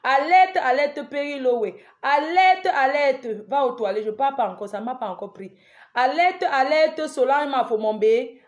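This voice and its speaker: A woman hosting a live stream who chants repeated rallying calls, shouts out viewers' names and makes scolding, emphatic asides. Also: high-pitched, moderate pace.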